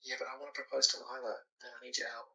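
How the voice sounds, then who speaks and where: An earnest young suitor in a screen melodrama. He talks quickly in a very sharp, forceful voice with a gravelly creak. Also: mid-range voice, flat delivery, poor audio. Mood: earnest, hushed. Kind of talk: melodramatic screen drama acting.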